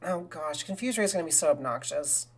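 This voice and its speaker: Chatty woman streamer, lowish voice. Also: quick pace. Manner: chatty, rambling, bursts of excited cheering. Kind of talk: casual live gaming commentary.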